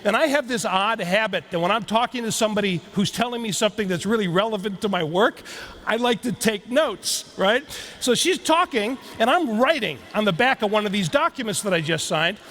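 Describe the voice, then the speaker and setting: A man's voice: high voice, a little fast. A man giving a keynote talk, telling a story and leading the audience in drills. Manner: animated, leads audience drills. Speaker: keynote speaker. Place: large hall before a live audience.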